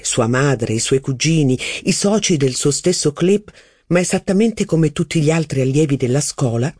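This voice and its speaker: A man's voice: a little high, no room sound, clean studio sound. Man reading a literary novel aloud. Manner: measured, even reading of long sentences. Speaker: audiobook narrator. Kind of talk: scripted literary narration.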